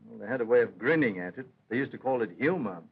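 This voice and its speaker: An actor playing a gentle, elderly great-grandfather who mildly recalls the old days to a child, in 1930s film acting. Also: mid-range voice, expressive, fast talker, vocal fry. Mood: reminiscing. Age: older. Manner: mild, reminiscing storytelling. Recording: dull lo-fi 1930s film soundtrack.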